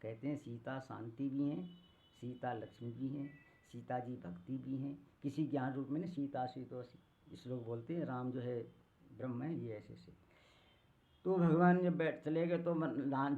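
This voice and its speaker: A man in his eighties giving a devotional discourse, slowly chanting verses and acting out quoted women. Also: medium pitch. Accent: Hindi, north Indian. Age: 80s. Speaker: katha preacher. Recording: phone-like narrow band.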